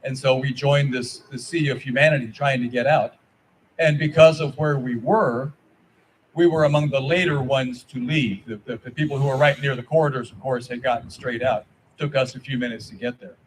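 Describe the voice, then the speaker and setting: A man gives a personal recollection as a public speech, earnest and halting, with deliberate phrasing. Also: mid-range voice, poor audio. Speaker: ceremony speaker, eyewitness. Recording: faint background noise.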